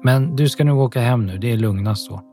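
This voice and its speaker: A man voicing a tired, resigned middle-aged mother in an audiobook, speaking slowly. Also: medium pitch, dark tone, faint music behind, close to an everyday voice. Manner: slow, resigned.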